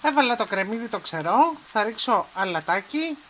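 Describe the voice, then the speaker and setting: A woman's voice: fairly high pitch, sing-song, noisy background. Chatty woman cooking at home. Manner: homely, chatty, explaining each step. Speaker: home cook presenting a recipe. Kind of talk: cooking tutorial narration. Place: home kitchen at the stove.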